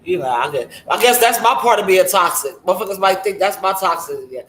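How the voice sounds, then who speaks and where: A woman's voice: mid-range voice, animated, brisk, fairly bright tone, a little hiss or hum. A woman co-hosting a casual podcast chat, blunt, profane and emphatic, sometimes raising her voice. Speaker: guest co-host. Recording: roomy echo.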